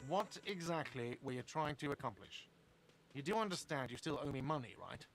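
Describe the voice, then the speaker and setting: A man's voice: on the high side, expressive, normal speed, soft background music. A man voicing a grumpy, sarcastic male cafeteria manager in a video game, nagging about money owed.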